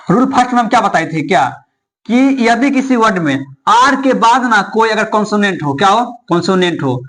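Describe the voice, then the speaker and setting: Male English teacher, high voice, drills each rule by asking and answering his own questions. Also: a bit bright. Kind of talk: classroom-style explanation.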